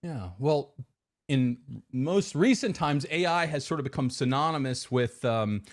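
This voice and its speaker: A man's voice: mid-range voice, a little slow. A man in his forties, a technology executive guest on a podcast, talking casually with many repeated words and restarts. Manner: many repeated words and restarts, quotes hype voices mockingly. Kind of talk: casual interview answers.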